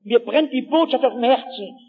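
High-voiced man preaching, dull old recording. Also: moderate pace, breathy edge. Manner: dramatic storyteller, swings from hushed to shouting; addresses the audience directly with asides. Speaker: pastor. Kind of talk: evangelistic sermon with personal anecdotes.

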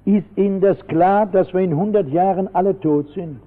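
A high-voiced man preaches with fervour, swinging from hushed asides to sudden shouts as he tells his story. His voice comes through a thin, phone-like old radio broadcast. A long church reverb trails behind every phrase. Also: normal speed. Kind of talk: sermon.

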